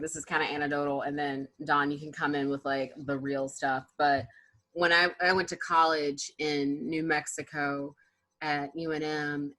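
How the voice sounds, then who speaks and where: Slightly low-voiced woman panelist, animated storyteller, laughs and restarts.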